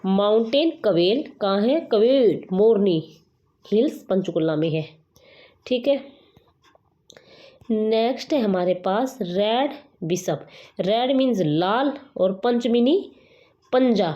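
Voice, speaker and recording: A woman's voice: medium pitch, lively intonation, slow pace, pauses often, dark tone. A woman teacher, running an exam-prep lesson and acting out playful memory-trick lines. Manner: playful, acts out mnemonic dialogue lines. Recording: dull lo-fi recording.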